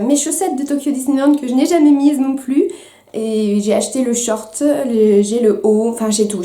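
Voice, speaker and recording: A young woman chatting to camera as a vlogger, with many fillers and quick self-corrections. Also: fairly high pitch, dark tone, roomy sound. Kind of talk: casual chat to camera.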